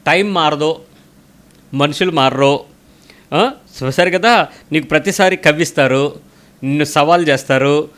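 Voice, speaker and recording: In a slightly high, fairly bright voice, a man preaches a sermon built around a story, quoting its characters and pressing the listener hard with pointed questions.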